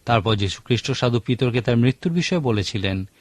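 A man giving a measured, earnest Bible study talk as a teacher, in a scripted voice-over. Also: mid-range voice, lively intonation, dry recording.

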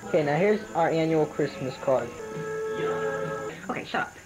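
A man's voice: a little high, normal speed. A man narrating a family Christmas home video in a playful, joking way, heard on an old VHS tape. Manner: playful, joking asides to camera operator. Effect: old VHS home video tape sound. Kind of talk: casual home video commentary. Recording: echoey room, music behind.

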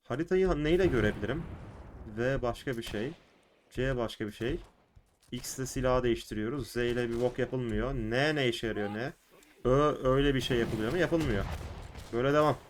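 A young man with a Turkish accent giving casual commentary as he plays an online game, shouting in fights and muttering between them. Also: medium pitch, a little fast, slight background noise. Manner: excitable, shouts and laughs during fights, mutters to himself between. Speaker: gaming YouTuber.

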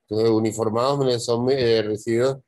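A man's voice: mid-range voice, fairly even intonation, moderate pace, a little mellow, dry recording. A man teaching screenwriting, thinking aloud as he reviews and corrects a student's script.

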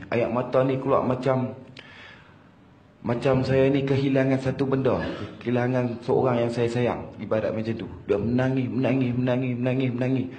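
A man in his thirties with a Malaysian Malay accent, giving an emotional religious testimony, repeating words and swinging between loud and hushed. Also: mid-range voice, highs cut off. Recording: roomy hall with faint ambience.

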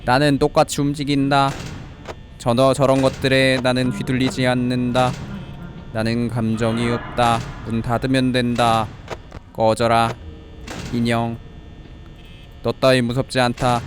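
A man voicing an emotionless male android in flat, clipped robotic statements during a horror game. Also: mid-range voice, measured pace, long pauses, faint music behind, voice pushed down, close to an everyday voice. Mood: deadpan robotic.

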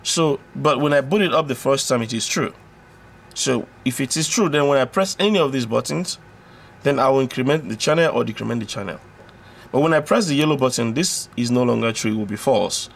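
A man with a gravelly, mid-range voice walks through an electronics tutorial step by step. His delivery is informal and halting, with repetitions and self-corrections along the way.

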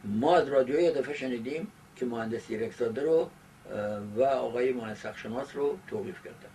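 An older man in his seventies gives an oral history interview, recollecting his personal past in a halting way with long hesitations; his voice is medium-pitched and dark in tone. He is in a small, book-lined indoor study, recorded off-mic from a distance with noisy amateur camcorder sound and faint noise.

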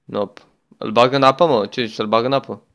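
A man's voice: mid-range voice, steady tone, fairly bright tone. A young man chatting his way through a game as a gaming YouTuber, exclaiming often and talking to the game and a friend. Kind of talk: let's play commentary.

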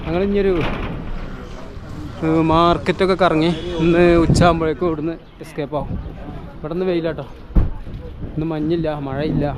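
A man's voice: fairly high pitch, flat delivery, brisk, pauses often. A man with a Kerala Malayali accent giving casual travel vlog commentary, mixing English words into his Malayalam. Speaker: travel vlogger. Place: outdoors on a lake boat and shore. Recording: noisy outdoor boat and traffic ambience.

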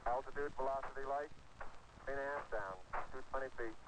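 A male astronaut calling out clipped, calm technical readings over a space radio transmission with beeps. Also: medium pitch, brisk. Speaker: astronaut pilot. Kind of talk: radio callouts during landing. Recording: noisy, distant archival space radio.

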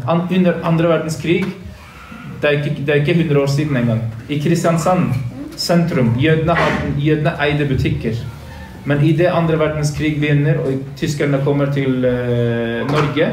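A man teaches boys a religious lesson in a large carpeted mosque room, earnest and preachy, repeating points for emphasis. It's a phone livestream from across the room, so the sound is echoey and distant. His voice is a little high and a little mellow, with some hiss or hum.

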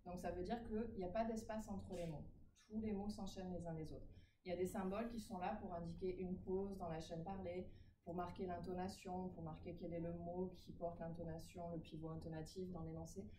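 A woman's voice: lowish voice, flat delivery, brisk. A woman teaching phonetics in a classroom, explaining rules patiently and often checking that students follow. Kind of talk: classroom lecture. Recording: echoey room, far from mic, background noise.

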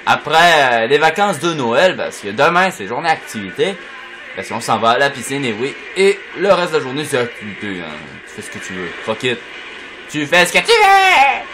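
Excitable Quebec French gamer, lively pitch. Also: male voice, fairly quick. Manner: excitable, chatty, makes silly sound effects. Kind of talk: casual gameplay commentary. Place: at home. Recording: faint music behind.

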